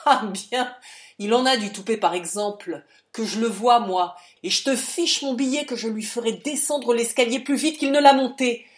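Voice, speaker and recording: A woman reading an audiobook, voicing a wrathful, blustering old financier father who shouts and sputters. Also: on the high side, moderate pace, reverberant, pitched above the performer's own voice, lightly acted. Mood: furious. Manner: bellowing, sputtering with rage.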